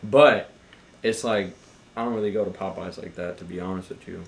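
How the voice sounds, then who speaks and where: A man's voice: sits low, brisk, creaky. A young man on a podcast, casually telling long work stories with lots of swearing and restarts. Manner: rambling, profane, with frequent restarts and fillers. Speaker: podcast co-host. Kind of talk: casual storytelling with friends.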